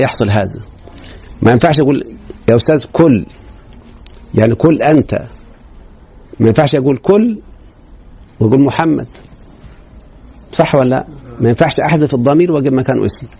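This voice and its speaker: A man's voice: mid-range voice, expressive, fast, vocal fry, long pauses, warm tone, breathy edge. A man with an Egyptian Arabic accent teaching a grammar lesson in a classroom, quizzing students with rhetorical questions. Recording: dull lo-fi recording.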